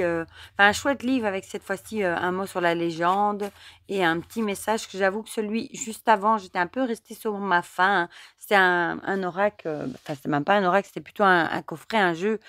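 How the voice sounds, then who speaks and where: A woman's voice: fairly low pitch, a bit bright, no room sound. A woman casually reviewing an oracle card deck for her channel, chatty and enthusiastic, with lots of fillers, reading the guidebook aloud at times. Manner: chatty, enthusiastic, many fillers like euh and du coup.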